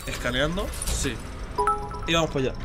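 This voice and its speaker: Streaming a horror game live, a young man from Spain, speaking with a Spanish accent, keeps panicking, screaming, and firing off repeated words. He sounds fairly high, pushed, and bright over soft background music.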